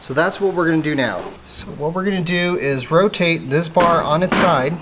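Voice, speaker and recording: A man presents a hands-on installation tutorial, methodically walking through each step. His voice is a little high and his pace moderate, with some background noise behind him.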